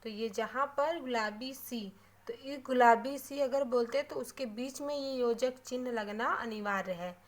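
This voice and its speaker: Hindi teacher woman, slightly high voice. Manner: repeats key terms slowly, frequent "है ना" tag questions. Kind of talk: classroom grammar lesson.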